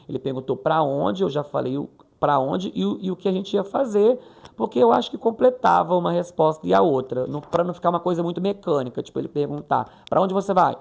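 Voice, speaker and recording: A man's voice: a little high, gravelly, a little mellow. A man from Brazil chatting casually in a vlog, retelling a conversation and acting out the quoted voices. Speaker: vlogger.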